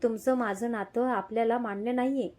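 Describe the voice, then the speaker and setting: Woman doing a spirited young wife, firm, direct, audio story, a bit high, soft mellow tone. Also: fairly even intonation, moderate pace, close to an everyday voice. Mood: defiant.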